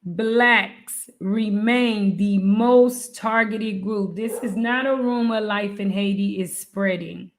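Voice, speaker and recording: A woman's voice: medium pitch, fairly even intonation, takes it slowly. A woman hosting a live stream, speaking earnestly and repeating her points for emphasis. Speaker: livestream host.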